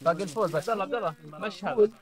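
A man's voice: high-pitched, racing. A man with a Gulf Arabic accent in casual banter, insistently repeating short phrases. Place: outdoors at a desert camp. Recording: busy group chatter around.

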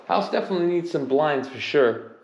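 A real estate agent, upbeat and enthusiastic, tours an empty house with large bare rooms, pointing out details in casual walkthrough narration. His voice is a little high and darkish in tone, brisk with lively intonation. Filmed on a handheld camera, the lo-fi audio has the long reverb of the echoing empty rooms.

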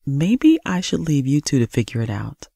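A woman's voice: a bass voice, big pitch swings, moderate pace, vocal fry, dark tone, husky, dry recording, clean studio sound, heavily acted. A narrator voicing a woman who speaks in an uneasy, placating way in an audiobook. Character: awkward woman caught between a couple.

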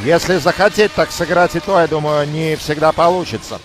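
A man doing live hockey commentary as a play-by-play announcer, emphatic and excited in his goal calls. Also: a little high, a little fast, background noise.

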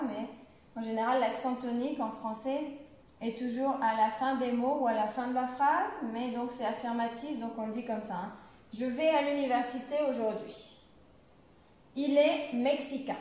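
A woman from France teaching a beginner French class, explaining slowly and clearly and repeating example sentences. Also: high voice, heavy reverb. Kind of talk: language lesson.

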